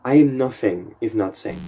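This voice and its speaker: Man playing a slow, halting, unhinged killer. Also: mid-range voice, warm tone, slight background noise, rough recording. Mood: unsettlingly amused. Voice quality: trouble pronouncing R's. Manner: halting, rambling, stammering, with odd chuckles. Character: unhinged, socially awkward male killer confessing to camera.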